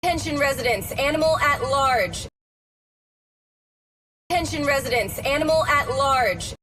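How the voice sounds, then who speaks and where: A woman's voice: expressive, measured pace, fairly bright tone. An actress playing a woman who announces a warning to residents through a megaphone. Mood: urgent. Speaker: public announcer. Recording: distant voice, faint noise, vehicle rumble.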